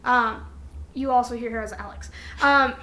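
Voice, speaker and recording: At a moderate pace, the podcast co-host's a little high, bright voice comes across forceful yet fairly even as she casually explains things to her friend and acts out quotes. Roomy echo and faint background noise fill the recording.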